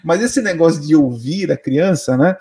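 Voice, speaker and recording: A man's voice: on the high side, animated, normal speed, warm tone. A man, a father, chatting casually and animatedly with frequent hesitant restarts. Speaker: father, co-host of the conversation. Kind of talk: casual conversation.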